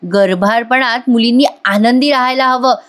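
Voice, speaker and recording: A woman's voice: on the high side, normal speed, fairly bright tone, lightly acted. A woman voicing an irritable middle-aged wife who snaps at her husband, speaking in a huffy, slightly raised voice. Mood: irritated.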